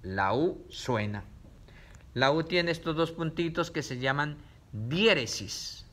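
Slow, animated teacher sounding words out. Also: male voice, on the high side. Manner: sounds out words slowly and repeats them, addressing the children warmly. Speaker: reading teacher for children. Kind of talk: slow, syllable-by-syllable reading lesson. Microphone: camera set up in front of him.

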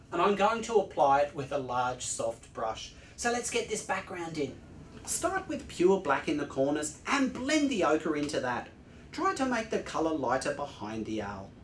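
A man's voice: fairly high pitch, echoey room, slight background noise. A man in his forties teaching oil painting in a studio, explaining each step in an enthusiastic, explanatory way. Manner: lively, explanatory, enthusiastic about technique. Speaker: art instructor. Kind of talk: painting tutorial narration. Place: indoor art studio with easel.

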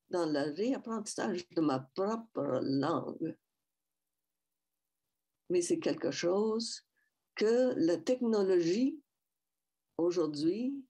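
An older woman from Saskatchewan, Canada, with a western Canadian Métis French accent, gives a personal talk as a guest speaker at a public event, joining by video call on a headset mic from a small room at home. Her fairly low voice is gravelly, husky and mellow, and she speaks slowly and reflectively with restarts and repetition.

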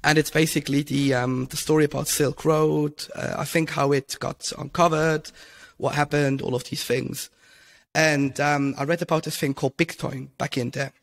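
A man's voice: on the high side, level tone, normal speed, vocal fry. A young man from Switzerland, a podcast guest, talking casually over a headset mic with many ums and restarts. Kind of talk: casual interview talk. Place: home room, indoors.

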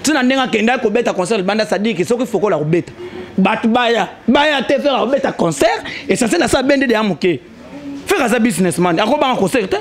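A young man with a high voice argues animatedly in a heated casual debate, pressing his points quickly with rising emphasis and mixing French and Lingala. He's recorded in a small indoor studio on a handheld mic held toward him, with a little hiss or hum.

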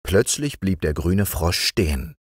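A man narrating a bedtime fairy tale, calm and expressive. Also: low-pitched, unhurried, breathy edge, no echo, clean studio sound. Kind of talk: bedtime storybook reading.

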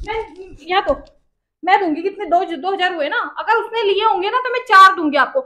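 High, bright-voiced insistent woman. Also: fairly quick. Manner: insistent and indignant, repeating demands. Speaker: wife being pranked. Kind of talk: heated domestic argument. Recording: echoey room.

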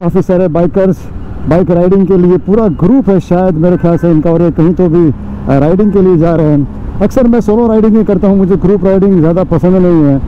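This high-pitched, slightly fast-talking man in his forties vlogs from his motorcycle on city and village roads, chatting to viewers like friends and filling his speech with fillers. A helmet or bike-mounted action camera mic captures it in dull lo-fi sound, with faint road and traffic noise behind him.

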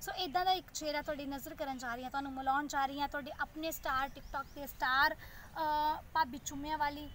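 A woman's voice: high voice, fairly even intonation, brisk, a bit bright. A woman, hosting an interview outdoors. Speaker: interviewer and host. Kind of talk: on-location interview. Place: outdoors in a leafy park. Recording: noisy outdoor recording.

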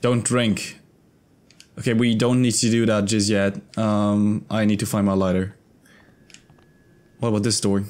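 A man's voice: lowish voice, flat delivery, measured pace, pauses often, darkish tone. A man in his twenties giving casual let's-play commentary into a close desk mic, thinking aloud in a hesitant mutter. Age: 20s. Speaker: gaming video host. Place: indoor room at a desk. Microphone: close desk microphone.

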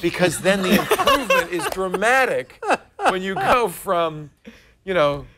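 A man's voice: high-pitched, huge pitch swings, a little slow, very noisy. A male show host in casual chat, joking and self-deprecating.

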